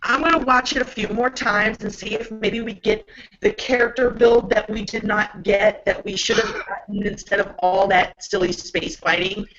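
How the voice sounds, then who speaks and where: A woman's voice: mid-range voice, steady tone, normal speed, a bit bright. A woman co-hosting a casual podcast chat, with a robotic-sounding voice, speaking hesitantly with many ums and restarts. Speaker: podcast co-host. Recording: dull lo-fi sound.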